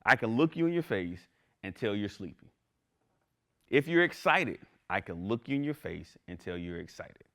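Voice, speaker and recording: A man's voice: on the low side, moderate pace. A man teaching a class in a conversational lecture, often checking in with the listeners. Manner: animated, conversational, asks "right?" often. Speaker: instructor.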